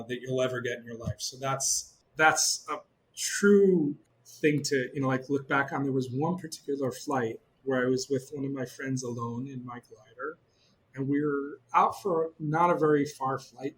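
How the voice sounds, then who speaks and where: In a casual interview, a middle-aged Israeli man who flies gliders tells stories in an animated way, his speech full of fillers and restarts. He has a mid-range voice and a moderate pace, and the recording quality is low.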